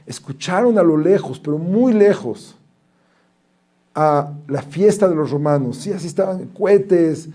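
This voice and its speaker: A man, a rabbi, giving a lesson as an animated storyteller who reads out Hebrew and Aramaic quotes. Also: a little high. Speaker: rabbi teaching.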